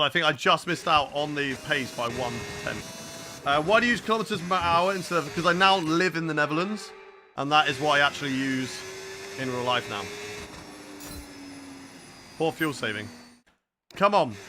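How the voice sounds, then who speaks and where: A young British man streams a racing game, talking casually, reacting out loud and answering viewers in live commentary and chat replies. His voice is slightly high, at a normal speed with long pauses. Clear racing car engine sounds play behind him.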